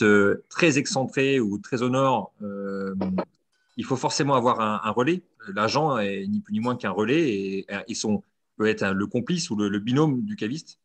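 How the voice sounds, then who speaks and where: A man speaking as a panelist in a casual, conversational discussion. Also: lowish voice. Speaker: wine trade panelist.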